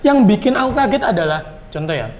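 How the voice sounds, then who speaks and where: A man's voice: high voice, fast talker. Chatty man, echoey room. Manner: animated storyteller, repeats words. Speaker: podcast host. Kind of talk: casual chat. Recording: echoey room with light noise.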